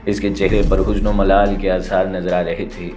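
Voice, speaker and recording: Low-voiced male audio-novel narrator. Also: level tone, a little mellow, soft background music.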